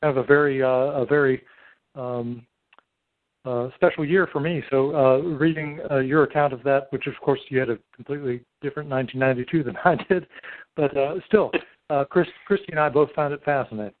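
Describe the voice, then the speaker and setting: A middle-aged man hosts a casual three-way phone call. He talks in a halting, wordy way at an average pitch. The sound is thin and tinny, like a dry phone line. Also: dry recording. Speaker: podcast host. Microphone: telephone call.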